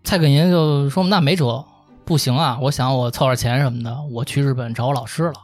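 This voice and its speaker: A man's voice: medium pitch, fairly quick, no echo, soft background music. A man with a Beijing accent telling a history story in casual, colloquial style as host, acting out the characters' dialogue as he goes. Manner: acts out characters' dialogue as he narrates.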